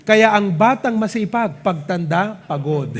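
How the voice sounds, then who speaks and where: A Filipino man preaches in a high, bright voice. He talks animatedly, checking with the congregation again and again. His speech slides easily between English and his local words. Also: a little slow. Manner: animated, asks the crowd "di ba?" often; mixes English and local speech, light laughs. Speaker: pastor. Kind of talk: sermon. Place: church service.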